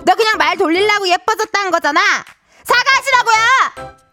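A touchy, easily offended young friend in a comedy radio skit, acted by a woman, who keeps insisting on apologies in a sing-song, indignant way. Her voice sits very high and swoops widely, with a sharp, bright edge. Faint music plays underneath. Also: animated, moderate pace, exaggerated voice.

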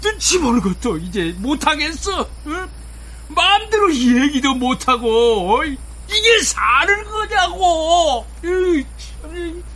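An actor playing an older husband worn out from chasing a swindler, exhausted and bitter, breaking into tearful shouting. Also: male voice, extremely high pitch, very animated, measured pace, full character voice. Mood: tearful outburst. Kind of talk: TV drama acting.

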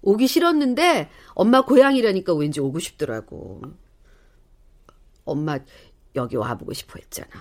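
A woman's voice: medium pitch, moderate pace. A middle-aged woman playing an emotional, talkative daughter who is overjoyed to find her mother again, in an audio drama. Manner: emotional, chatty, animated.

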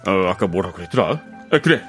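A man's voice: deep voice, expressive, brisk, a bit bright. Man playing a curious fairy-tale horseman, music behind. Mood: curious, scheming. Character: curious wandering horseman, theatrically self-narrating. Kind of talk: comic fairy-tale audio drama.

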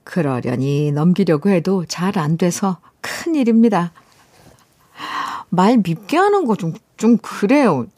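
A middle-aged woman hosts a radio show, her voice mellow and soft-edged. She reads listener letters and chats about them with playful teasing and easy laughter, close on a dry studio mic with no room sound. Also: lowish voice, animated, measured pace, dry recording. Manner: warm chatty, laughs often, teasing asides. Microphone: studio microphone.

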